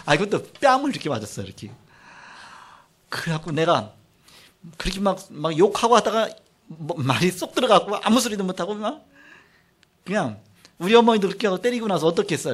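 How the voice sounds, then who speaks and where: A middle-aged man preaching a sermon, telling a personal testimony in an animated storytelling way. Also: sits high. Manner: animated storytelling, acts out quotes, frequent trailing "like this". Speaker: pastor.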